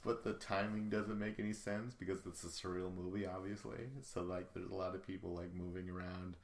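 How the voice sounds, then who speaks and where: A man with a deep, low voice talks loosely and profanely, rambling and chuckling as he hosts a solo podcast recap. The sound is roomy, with his voice echoing off the walls. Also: flat delivery, fairly quick, creaky, slight background noise. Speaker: podcast host. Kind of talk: casual solo recap of a reality show. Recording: echoey room.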